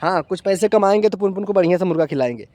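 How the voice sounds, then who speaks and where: Man, playful vlogger, high voice, dogs barking nearby. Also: animated, rapid-fire, mellow, dry recording. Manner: playful, affectionate toward his dogs, coaxing and teasing. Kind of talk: casual vlog talk. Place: outdoors in the desert with dogs.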